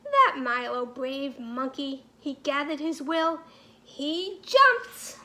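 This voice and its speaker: A high-pitched woman reads a children's picture book aloud like a teacher, animated and emphatic, with deliberate phrasing.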